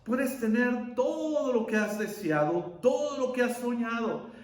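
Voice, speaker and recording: A male pastor preaching a sermon, asking rhetorical questions and pausing for effect. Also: extremely high pitch, lively intonation, echoey room.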